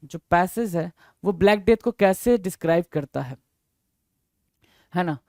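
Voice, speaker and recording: A man with an Indian accent teaching exam English. He reads English lines slowly and explains them quickly in Hindi, with many fillers. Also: high voice, expressive, a little mellow, no room sound, studio quality. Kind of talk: classroom lecture explaining a reading passage.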